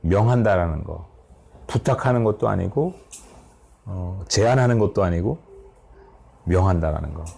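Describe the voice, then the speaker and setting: A man's voice: low voice, expressive, moderate pace, creaky, long pauses, darkish tone, breathy edge. A middle-aged man giving a conversational Bible study seminar, explaining step by step, often checking in with his listeners and correcting himself mid-word.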